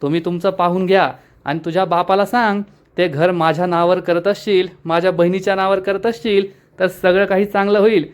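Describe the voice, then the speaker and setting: A man's voice: high-pitched, fairly even intonation, a little fast, clear, resonant tone, natural voice. A man voicing a taunting, scheming uncle. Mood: threatening. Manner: taunting, scornful.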